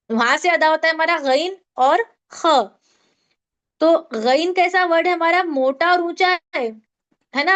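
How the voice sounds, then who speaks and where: Woman, recitation teacher, high voice, quizzing students, slow syllable drills. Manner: drills syllables slowly, asks students questions. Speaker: Tajweed teacher. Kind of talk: online class instruction.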